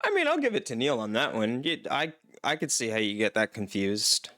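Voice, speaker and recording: A man's voice: medium pitch, huge pitch swings, a little fast, pushed and bright. A young man from Canada chatting casually as he reacts to a show, wondering aloud and laughing between remarks. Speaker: reaction video host.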